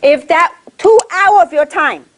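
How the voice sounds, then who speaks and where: A high-voiced woman from Hong Kong, a network marketing leader, energizes a training session in a meeting room full of people. Her motivational talk is unhurried yet energetic, packed with rhetorical questions thrown at the audience.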